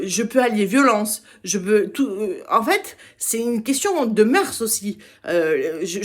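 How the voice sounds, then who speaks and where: A woman giving an opinionated campaign speech, halting with many hesitations and restarts. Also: mid-range voice. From Italian heritage. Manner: blunt, opinionated rant. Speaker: political candidate.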